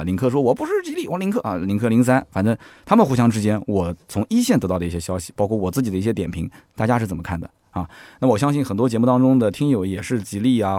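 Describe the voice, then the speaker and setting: A man hosting a podcast in casual chat, animated and chatty, often asking his listeners "right?". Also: lowish voice, no echo, clean studio sound. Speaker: podcast host.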